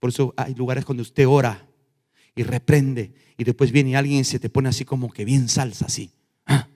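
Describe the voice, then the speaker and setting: A male pastor preaching a sermon, swinging from loud emphatic lines down to hushed ones. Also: medium pitch, fairly even intonation, moderate pace. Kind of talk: Spanish-language sermon. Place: church. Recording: long church reverb.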